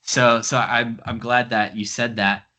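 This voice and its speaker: A man's voice: mid-range voice, little pitch movement, measured pace, sharp tone. A man hosting a podcast, chatting casually and thinking aloud, often ending his points with a questioning "right?". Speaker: podcast host. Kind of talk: casual interview chat.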